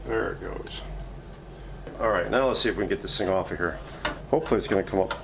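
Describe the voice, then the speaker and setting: Working in his home workshop, a man who restores vintage radios talks through each step casually for a workshop video, thinking aloud under his breath. He speaks quickly in a low, gravelly voice over background noise.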